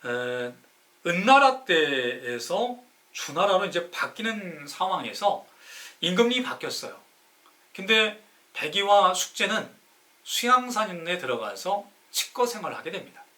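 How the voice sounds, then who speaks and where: A high, pushed and bright male voice with big pitch swings, moving a little slowly, leads a live-streamed classical poetry lecture. The host, a city councilor suffering a sore throat, stretches key words and answers his own rhetorical questions in an emphatic, didactic manner.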